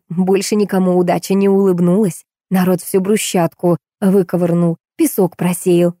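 Mellow woman narrating a novel. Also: medium pitch, dry recording, clean studio sound. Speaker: audiobook narrator. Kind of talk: first-person novel narration.

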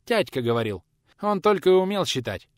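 A man's voice: big pitch swings, a little fast, no echo, studio quality. A man doing a sullen cheeky peasant boy. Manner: curt, blunt, slightly raised pitch.

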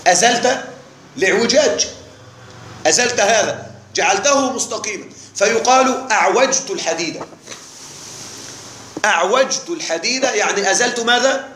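A man with a high voice teaches grammar to a live class in a roomy, echoing hall. He explains patiently, repeats the key terms and keeps asking whether the students follow. Faint background noise sits under his voice. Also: lively intonation, normal speed, long pauses, fairly bright tone. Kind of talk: classroom lesson.

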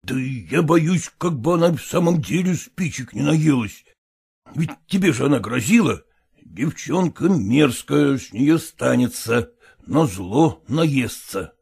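A man voicing an agitated, domineering father who demands and shouts, in an audiobook reading. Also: medium pitch, animated, takes it slowly, gravelly, slightly rough, exaggerated voice. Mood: fretful, stubborn. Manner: blustering, demanding.

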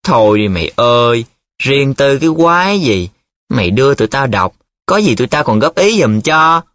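A man's voice: medium pitch, animated, fairly quick, fairly bright tone, no echo, clean studio sound. A man voicing a teasing, dramatic young male student who talks in a playful, showy way, in an audiobook. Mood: pushy. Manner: playful, showy, sing-song when reciting.

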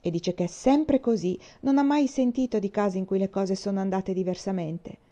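Brief: anxious young girl, tremulous and hushed, put on by a female audiobook reader, soft mellow tone. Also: medium pitch, moderate pace, natural voice. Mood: worried. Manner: trembling, hushed.

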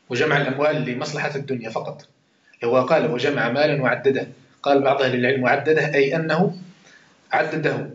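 Algerian guy teaching quran, talks quick, roomy echo, kinda dull lo-fi sound. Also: mid-range voice, fairly bright tone. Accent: Algerian Arabic. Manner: conversational, swears oaths, quizzes listeners. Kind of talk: informal Quran commentary lesson.

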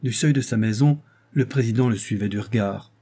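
A man narrating an audiobook in a measured, even reading. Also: lowish voice, slightly rough. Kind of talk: scripted narration.

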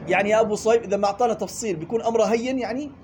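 A man teaches a classroom lesson in a fairly high voice that still sounds mellow and soft-edged. He explains each point briskly and repeats the important parts. A faint noise sits under his voice. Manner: explanatory, repeats key points, checks with students. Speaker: tajweed teacher.

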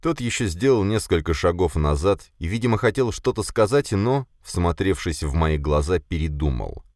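A man narrating a first-person fantasy audiobook in a measured, expressive storytelling manner. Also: deep voice, dry recording, studio quality.

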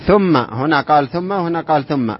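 A man teaching an Islamic inheritance lesson to students, reciting verse lines slowly and then explaining them and quizzing the class. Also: on the high side, expressive, slightly rough. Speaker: sheikh teaching inheritance law. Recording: dull lo-fi classroom recording.

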